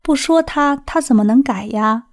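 A woman's voice: high voice, moderate pace. A woman reading as a headstrong sister. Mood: agitated. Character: headstrong adult sister, agitated.

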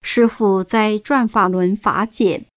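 A woman reading a first-person reflection aloud as scripted narration, measured and deliberate. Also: mid-range voice, steady tone. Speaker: reader.

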